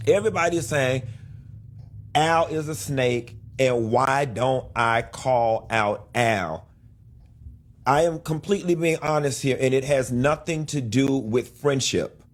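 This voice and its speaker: A man earnestly explaining his side of a public dispute, now and then breaking into animated exclaimed asides. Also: mid-range voice, measured pace. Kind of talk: clip of a personal video statement.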